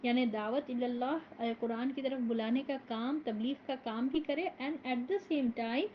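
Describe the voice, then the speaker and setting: Measured woman teaching a Quran lesson. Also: a little high, a little hiss or hum. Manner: measured, explanatory, mixes in English words. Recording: dull lo-fi recording.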